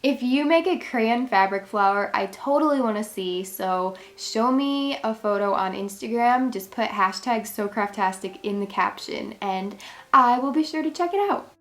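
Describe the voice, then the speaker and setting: Soft music plays as this crafting host chats her way through step-by-step instructions in an animated voice. It's a little high and fairly bright, at a moderate pace, but congested and slightly worn.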